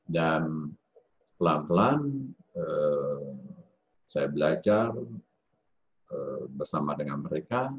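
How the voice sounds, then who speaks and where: Low-voiced priest, halting and reflective. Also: male voice, animated, breathy edge, muffled recording. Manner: halting, with many fillers and self-corrections. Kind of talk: reflective spoken lecture. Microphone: video call.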